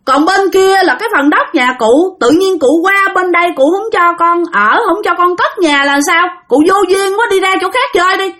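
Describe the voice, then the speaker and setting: A woman's voice: very high voice, expressive, moderate pace, hardly any pauses, a bit bright, pitched above the performer's own voice. A woman with a Southern Vietnamese accent voicing a hot-tempered young husband who talks back in a raised, indignant voice. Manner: indignant, pleading then defiant.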